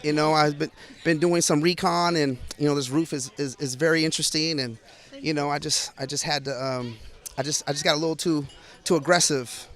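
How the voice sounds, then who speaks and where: A man speaking as a competitor in a casual post-game interview, halting and emphatic. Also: on the high side, fairly even intonation, a bit bright.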